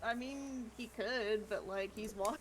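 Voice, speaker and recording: A woman's voice: on the high side, slow pace, slight background noise, low-quality recording. A woman playing a tabletop game in playful, joking casual chat. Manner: playful, joking, laughs easily. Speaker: player.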